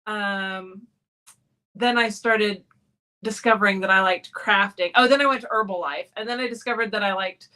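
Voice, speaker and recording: Guest, woman, late 40s, from Texas; bright, friendly, laughs easily. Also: mid-range voice, normal speed. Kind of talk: interview answers.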